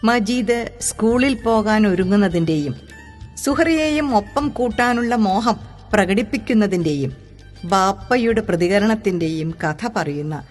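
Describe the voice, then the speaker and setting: A woman's voice: medium pitch, faint music behind. Woman reading a novel aloud. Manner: measured, expressive. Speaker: audiobook reader. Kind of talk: storybook reading. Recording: long reverb.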